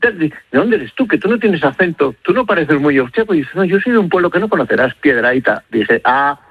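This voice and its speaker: A middle-aged Spanish man with a Castilian accent works as a radio travel and food contributor, and his voice sits on the high side, very animated, a little fast and slightly rough. He talks effusively and conversationally, rambling and repeating words for emphasis. The audio is narrow and tinny, with no echo.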